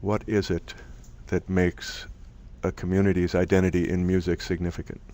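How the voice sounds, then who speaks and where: Man, middle-aged, low pitch; relaxed lecturer who talks off the cuff with restarts. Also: normal speed. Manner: conversational, thinks aloud with restarts. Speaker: presenter from a music archive. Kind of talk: online lecture presentation.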